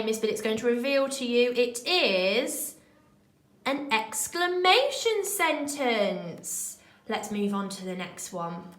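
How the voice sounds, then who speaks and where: Speaking to small children in a recorded remote lesson, this primary school teacher uses a medium-pitched voice with British English pronunciation. Her delivery is slow, clear, and expressive, and the sound is reverberant.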